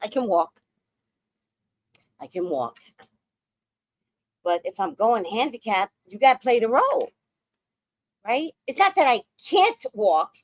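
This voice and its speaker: A woman in her sixties hosts a podcast, telling a story in a casual, profane and theatrical way. Her voice sits fairly high and swings widely in pitch. The sound is dry, with no room echo. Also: slow pace, long pauses. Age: 60s. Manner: animated, profane, dramatic storytelling. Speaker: podcast host.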